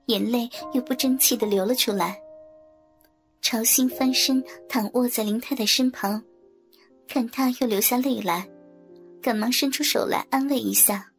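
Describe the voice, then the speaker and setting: A woman reads a story aloud in a soft, even storytelling manner. Her voice is slightly high and breathy. Faint music plays beneath the narration. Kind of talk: audio story reading.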